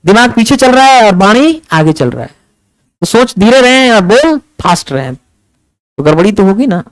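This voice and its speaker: High-voiced man teaching a class. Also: moderate pace, dry recording, rough recording. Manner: animated, asks the class questions. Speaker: English teacher. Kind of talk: classroom lecture. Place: classroom with students.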